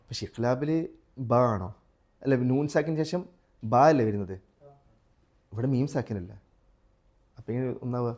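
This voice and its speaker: A man with a Malayali accent teaching a Quran recitation class, quizzing his students and chanting example verses slowly. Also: mid-range voice, animated, darkish tone. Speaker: tajweed teacher. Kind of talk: live class lesson with students.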